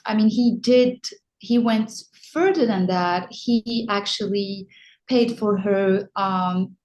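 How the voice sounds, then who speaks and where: A middle-aged woman from Morocco, a film director answering interview questions with many pauses and restarts. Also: mid-range voice, darkish tone, lo-fi sound. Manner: hesitant, many ums and restarts.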